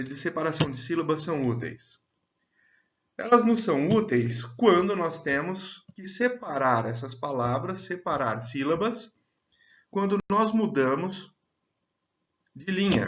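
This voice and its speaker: A man teaching a grammar lesson, speaking slowly and deliberately and drawing out example words. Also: fairly high pitch, lively intonation, fairly bright tone. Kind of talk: slow, clear grammar lesson. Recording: dull, lo-fi sound.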